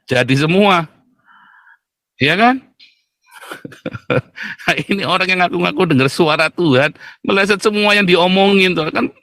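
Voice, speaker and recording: A middle-aged man, preaching a fiery sermon in a blunt, mocking, booming way. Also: unhurried, long pauses, pushed and bright, no room sound. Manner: blunt, mocking, booming, addresses listeners as "saudara".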